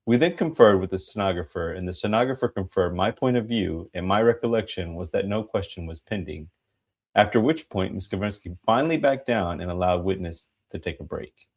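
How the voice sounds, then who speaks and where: A man giving a dramatic reading of a court transcript as an attorney, formal and emphatic, with a gravelly, husky voice. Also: low-pitched, a little fast. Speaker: reader voicing an attorney in a hearing.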